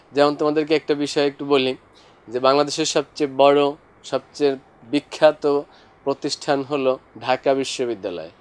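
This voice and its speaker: A man's voice: medium pitch, darkish tone, clear, resonant tone. A male teacher giving a classroom lesson, speaking to students directly and listing examples one after another. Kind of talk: classroom lesson explaining vocabulary.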